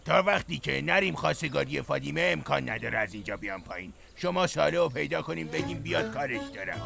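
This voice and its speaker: An actor dubbing a stubborn, lovesick old village man in a TV drama. He makes theatrical, defiant, half-joking threats in a gravelly old voice. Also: on the high side, expressive, sharp tone, heavily acted. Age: older. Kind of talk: dubbed TV drama. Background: music.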